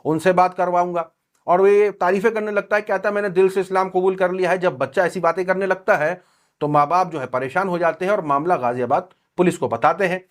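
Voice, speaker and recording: A man's voice: sits high, steady tone, brisk. A man hosting a news commentary channel, running through the headlines in a sarcastic tone.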